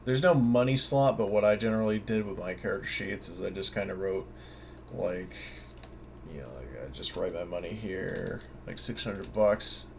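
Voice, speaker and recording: Over clearly audible background noise, a man walks through a tabletop game in a loose, off-the-cuff way, musing aloud as he goes. He speaks at normal speed in a low, creaky voice.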